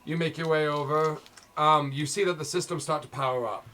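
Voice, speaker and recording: A man running a sci-fi tabletop game as game master, narrating scenes in a descriptive way with frequent "uh" and "um" pauses. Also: a little high, steady tone, sharp tone.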